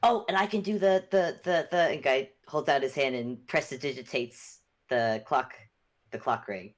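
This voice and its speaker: A woman playing a tabletop game in character, excitable and stumbling over her words. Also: extremely low pitch, moderate pace. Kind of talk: in-character tabletop role-play.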